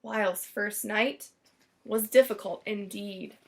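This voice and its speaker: Reading a children's picture book aloud, a woman with a medium-pitched voice tells the story expressively, leaning into deliberate dramatic emphasis.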